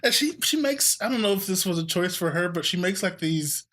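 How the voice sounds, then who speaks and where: A woman's voice: on the low side, expressive, a little fast, fairly bright tone. A woman co-hosting a podcast, chatting casually about films, laughing often and trailing off mid-sentence. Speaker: podcast co-host. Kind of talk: casual movie chat.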